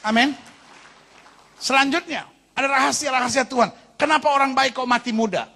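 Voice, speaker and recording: A man preaching as a pastor, lively and animated, tossing in English phrases and calling the congregation to applaud and say amen. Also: very high voice, a little fast. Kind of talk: sermon. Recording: long reverb of a large hall.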